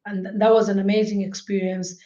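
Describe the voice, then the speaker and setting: A woman's voice: mid-range voice, flat delivery, brisk, mellow. A young woman, answering interview questions in a chatty way with lots of ums. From Zambia. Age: young adult. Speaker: guest, blogger. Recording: echoey dull remote call audio.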